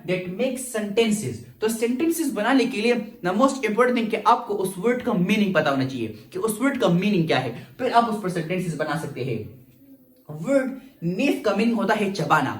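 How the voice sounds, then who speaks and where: Pakistani man teaching with lively pitch. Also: echoey room. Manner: mixes English with Urdu, asks and answers own questions. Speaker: English teacher. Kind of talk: lecturing students.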